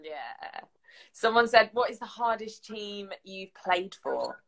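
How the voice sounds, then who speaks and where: A woman's voice: medium pitch, lively intonation, creaky, fairly bright tone. A woman interviewer, reading fan questions in a chatty, upbeat manner on a live stream. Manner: chatty, upbeat, quick reactions.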